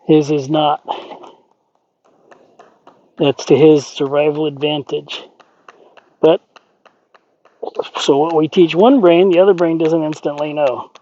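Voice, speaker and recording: A man working as a horse trainer, calmly explaining a training session and talking softly to the horse in between. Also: fairly high pitch, slow, long pauses. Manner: calm, explanatory, talks to the horse between points. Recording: dull, lo-fi with faint noise.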